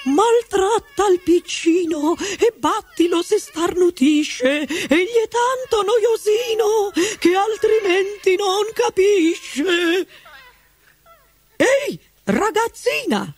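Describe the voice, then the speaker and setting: A woman's voice: extremely high pitch, sing-song, slow pace, faint music behind, voice pushed up, heavily acted. A woman voicing a rude, bad-tempered noblewoman in a storybook, shrieking and scolding. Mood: brusque.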